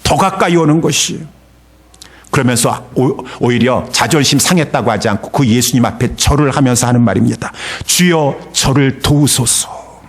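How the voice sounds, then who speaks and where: A man's voice: mid-range voice, a little fast. Dramatic preaching man. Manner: dramatic preaching, asks the congregation questions. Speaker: pastor. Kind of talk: sermon.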